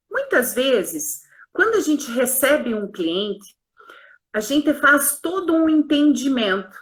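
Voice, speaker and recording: A woman with a bright, forceful, somewhat high voice earnestly explains her work as a pharmacist and consultant during a live-stream conversation. She is explanatory and often uses tag questions, and the audio comes from an online live stream.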